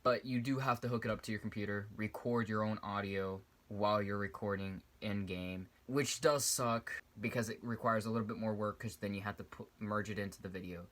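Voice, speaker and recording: A young YouTuber with a fairly low, somewhat bright voice reviews a VR headset in a casual vlog. His talk rambles, with frequent sentence restarts and drifts off topic.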